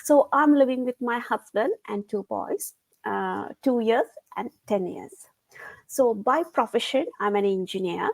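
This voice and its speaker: A woman's voice: a little high, expressive, a little slow, creaky, dry recording, low-quality recording. Guest, woman in her 30s from Sri Lanka. Earnest, dry, plain delivery over a video call. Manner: earnest, non-native phrasing, soft laughs. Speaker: guest, engineer. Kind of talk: casual interview chat. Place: home.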